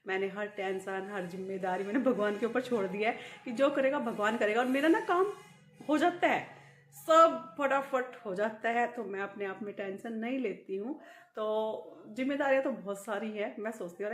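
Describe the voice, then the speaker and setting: A woman's voice: fairly high pitch, normal speed. Laughing woman vlogger in an echoey room. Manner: laughs often while talking. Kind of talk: casual chat to camera.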